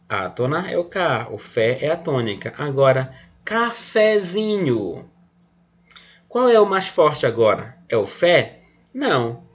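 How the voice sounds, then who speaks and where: A man teaching a phonetics lesson. He patiently asks questions and answers them himself, counts letters aloud and often checks in with a quick "tá?". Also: medium pitch, husky.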